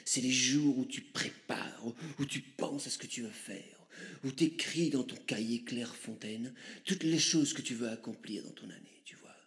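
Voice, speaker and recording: Comic sketch: a man voicing a hushed mystical shaman, low and gravelly, murmuring and whispering. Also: moderate pace, lightly acted. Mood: dreamy mystical. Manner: low murmuring, often whispered, drifting from the mic. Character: mystical male shaman guru, dreamy and hushed.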